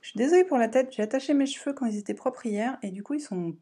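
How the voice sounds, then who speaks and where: A woman's voice: fairly high pitch, animated, quick pace, warm tone, slightly rough. A woman in her thirties chatting casually at home about her knitting and embroidery, rambling and self-deprecating with lots of fillers. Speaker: crafting vlogger. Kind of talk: casual chat.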